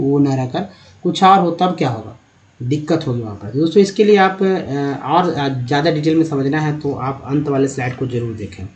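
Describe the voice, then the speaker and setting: A man's voice: fairly high pitch, a little mellow, dull audio. Patient Hindi-accented man teaching pronunciation. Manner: slow, patient, drawing out words he demonstrates. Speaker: English teacher. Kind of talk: explaining pronunciation to learners.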